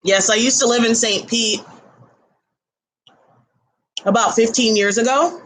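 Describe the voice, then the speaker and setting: A woman's voice: a little high, unhurried, rough recording. A woman hosts a casual livestream from her home kitchen, greeting viewers while she eats. She talks up so a laptop mic across the room can catch her, and her tone stays easy and conversational. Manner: chatty, eats while talking; talks loudly to carry to the laptop. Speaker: livestream host.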